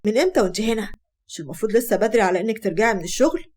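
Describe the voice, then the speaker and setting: A woman's voice: mid-range voice, sing-song, very fast, darkish tone. A woman doing an Egyptian husband. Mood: surprised.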